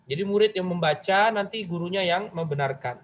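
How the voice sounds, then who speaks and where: A man leads a religious study lesson in a loose, conversational way. His voice sits high, and he keeps turning to his listeners with direct questions while acting out the lines of the story he tells. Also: fairly quick, slight background noise. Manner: chatty, addresses listeners directly with rhetorical questions; retells a story, voicing its figures in quoted lines. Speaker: Islamic religious teacher.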